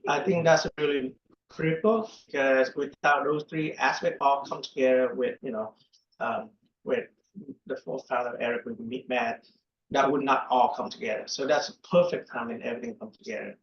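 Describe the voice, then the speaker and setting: A man's voice: mid-range voice, steady tone, moderate pace, a little hiss or hum. Man, echoey. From Vietnam. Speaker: startup co-founder. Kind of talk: casual panel talk. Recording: echoey, dull lo-fi room sound.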